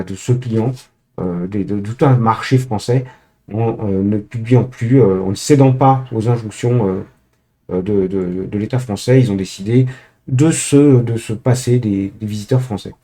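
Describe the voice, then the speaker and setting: A man's voice: mid-range voice, mellow. A man presenting a screen-share tech tutorial, speaking to viewers directly, hesitant with many filler sounds and restarts.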